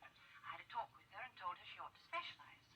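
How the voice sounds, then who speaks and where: A prim, earnest young schoolmistress in a vintage TV drama. She talks fast, with a very bright, sharp tone. The sound is distant old television audio with faint hiss. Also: medium pitch, animated. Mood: troubled. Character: earnest, worried young woman history teacher. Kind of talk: 1960s television drama acting.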